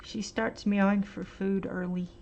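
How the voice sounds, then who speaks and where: Slow, gravelly-voiced woman swatching paints. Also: mid-range voice, fairly even intonation. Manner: rambling, hesitant, fills pauses with um and uh. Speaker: art vlogger. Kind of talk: casual swatching demo. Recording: dull lo-fi home recording, faint hiss.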